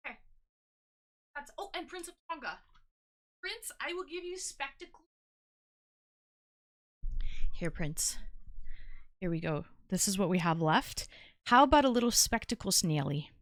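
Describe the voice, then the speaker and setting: A woman's voice: fairly high pitch, sing-song, a little slow, long pauses, dry recording, clean studio sound. A woman live streamer chatting casually and playfully, talking straight to her viewers. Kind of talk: casual livestream chat with viewers.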